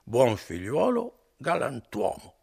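A man voicing a boisterous, suspicious drunken young man in an audiobook, slurring with loud outbursts. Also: mid-range voice, huge pitch swings, takes it slowly, vocal fry, husky, pitched above the performer's own voice, heavily acted. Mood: sleepy drunk. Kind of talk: audiobook character voice.

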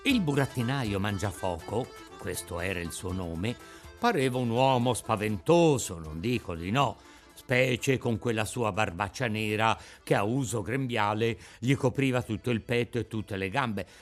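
A man narrating a classic children's tale in a theatrical, expressive reading. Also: on the low side, measured pace, faint music behind. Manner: expressive, rises and falls with the tale.

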